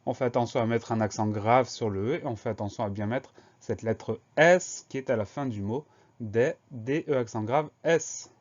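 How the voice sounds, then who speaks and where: A man teaching a spelling lesson, explaining each word and spelling it out letter by letter in a slow, deliberate way. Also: medium pitch, a little mellow, dull audio.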